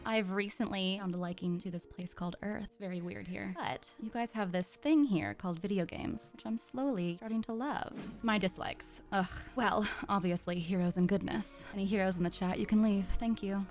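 A woman streaming in character as a demon monarch, talking in a playful, teasing, giggly way. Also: mid-range voice.

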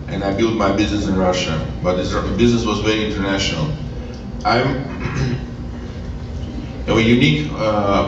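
A man born in Armenia, an English speaker, giving an earnest, halting speech at an event with many restarts. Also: fairly low pitch. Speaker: guest speaker. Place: large event hall. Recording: echoey lo-fi hall, distant mic, noisy.

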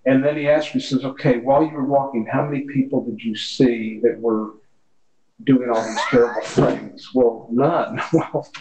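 A man's voice: medium pitch, normal speed. Man telling a parable in a roomy room. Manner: relaxed storytelling with quoted dialogue. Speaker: class member. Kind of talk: Bible study discussion. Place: church meeting room.

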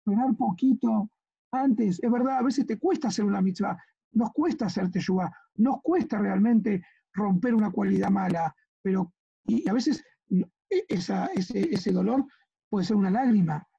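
A man's voice: high voice, vocal fry, dark tone, breathy edge, muffled recording. A man with an Argentine accent, a rabbi giving an earnest religious lesson with slides, often checking that his listeners follow. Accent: Argentine Spanish. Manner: earnest, teaching, asks listeners to agree.

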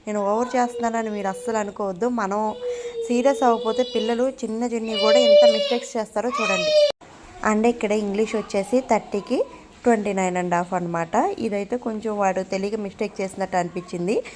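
A woman's voice: medium pitch, animated, brisk, background noise. A woman in her thirties with a Telugu accent, a mother vlogging at home, questioning her child sternly and explaining things to viewers. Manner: stern, questioning, rising to loud scolding. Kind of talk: home vlog, scolding child and addressing viewers.

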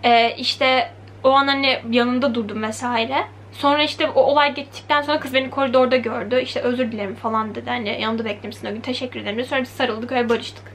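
High-voiced chatty young woman vlogger. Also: quick pace, a little hiss or hum. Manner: animated, chatty, acts out quotes. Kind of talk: casual storytelling vlog. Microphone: camera mic.

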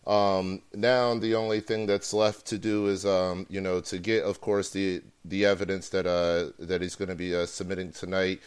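A male host of a live talk show with a somewhat low, smooth voice. He talks hesitantly and fills his pauses with ums and uhs. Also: flat delivery.

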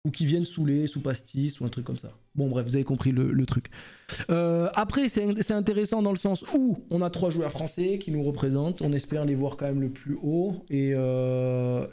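A man's voice: on the high side, mellow. A man hosting a casual esports news commentary, chatty and full of fillers and restarts.

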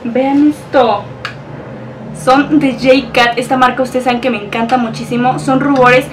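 Mexican girl doing an excited unboxing vlog, gushy, little faint hum behind. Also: high-pitched, brisk, recorded from a distance. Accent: Mexican Spanish. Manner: gushing, emotional, exclamatory. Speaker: beauty vlogger.

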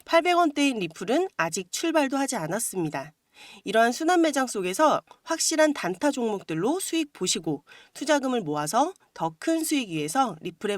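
A woman with a mid-pitched voice narrates over clearly audible background music. She delivers a scripted promotional pitch as a video host, earnest and persuasive as she speaks straight to her viewers.

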